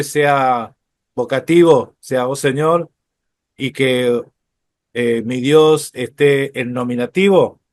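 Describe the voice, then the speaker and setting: A man teaching a Bible study lecture, explaining step by step, often checking in with his listeners and pausing on fillers. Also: on the high side, dry recording, clean studio sound.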